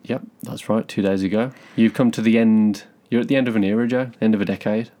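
A man of about thirty co-hosting a laid-back podcast. His voice is very deep. He talks in an easygoing, thoughtful way and often restarts his sentences mid-thought. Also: steady tone, quick pace, warm tone. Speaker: podcast co-host. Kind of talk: casual podcast chat.

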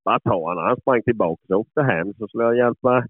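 A dog owner and hunter tells rambling stories casually, swearing often and chuckling along the way. His mid-range voice comes through a dry, phone-like lo-fi recording with no room sound.

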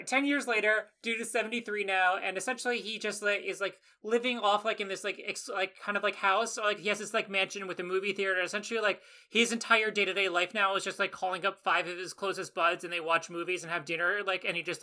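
A man's voice: sits high, fairly even intonation, fast talker, pushed and bright. A man co-hosting a casual history podcast, telling the story loosely with many fillers. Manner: rambling, filler-heavy storytelling. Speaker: podcast co-host.

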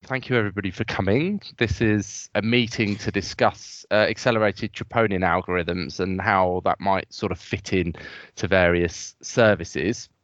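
Guy with a deep voice chairing the chat, kinda hedgy, dry muffled sound. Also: moderate pace, dry recording. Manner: relaxed, hedging with "sort of". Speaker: meeting chair. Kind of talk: podcast discussion introduction. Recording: dry dull lo-fi audio.

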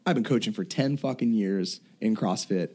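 A man's voice: fairly low pitch, moderate pace, warm tone. A man, a self-defense and fitness coach, talking bluntly and emphatically in a casual interview, swearing freely and restarting his thoughts. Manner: blunt and profane, emphatic, thinks aloud with restarts.

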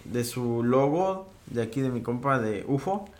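A man co-hosting a casual chat, halting and restarting, laughing along. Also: medium pitch, animated, darkish tone. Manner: hesitant, frequent restarts, laughing. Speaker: podcast co-host.

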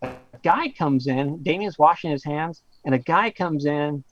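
A man's voice: a little high, animated, a little slow, no room sound. A man, a professor and guest author, casually telling a story in an interview, rambling with many fillers and stammered restarts. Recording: slightly dull lo-fi audio.

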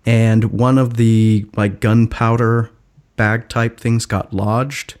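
A man's voice: lowish voice, flat delivery, takes it slowly, a little mellow. A man co-hosting a casual podcast, chatting playfully and joking with his co-host. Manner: playful, jokey banter. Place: Seattle.

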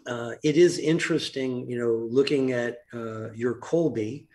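A man hosts a relaxed podcast interview, friendly and loose, circling back through his sentences with plenty of fillers. His voice sits at an ordinary middle pitch for a man. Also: unhurried. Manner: friendly, rambling, many fillers and restarts. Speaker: podcast host and business coach. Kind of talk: casual interview.

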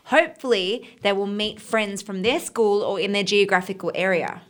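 A woman's voice: medium pitch, normal speed, fairly bright tone. Enthusiastic Australian woman explaining. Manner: enthusiastic, chatty, explains eagerly. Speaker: children's ministry leader. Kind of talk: casual podcast chat.

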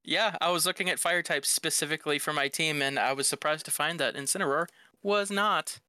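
A man co-hosting a casual podcast, enthusiastic and animated. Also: on the high side, a little fast, dry recording. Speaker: podcast co-host. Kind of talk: casual chat.

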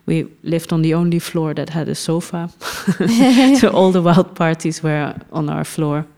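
A middle-aged woman who runs a film festival in the Netherlands speaks reflectively in a podcast interview, with many pauses and quiet laughs. Her voice sits low and has a creaky texture, yet she is expressive.

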